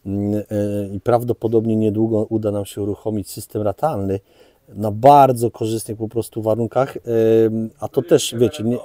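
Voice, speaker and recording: A Polish-accented man runs a relaxed shop video, chatting through gear with jokes and plenty of fillers. His voice sits mellow and dark. The sound is dry and close. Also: lowish voice, normal speed, no echo. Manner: chatty, joking, loose with fillers. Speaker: fishing shop host. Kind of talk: casual product presentation.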